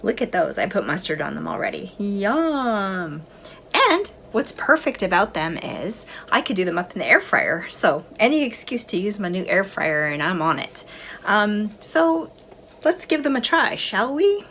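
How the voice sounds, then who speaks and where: A woman's voice: medium pitch, measured pace, slight background noise. A middle-aged woman hosting a movie review vlog, chatting casually and snacking while she recaps a film. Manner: chatty and relaxed, eating snacks while talking.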